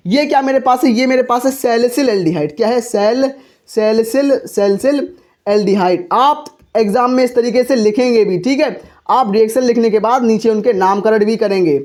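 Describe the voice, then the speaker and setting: A man's voice: extremely high pitch, fairly quick. A man teaching a chemistry lesson, asking questions and answering them himself, earnest and encouraging. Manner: repetitive call-and-response questioning. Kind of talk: board exam chemistry lesson.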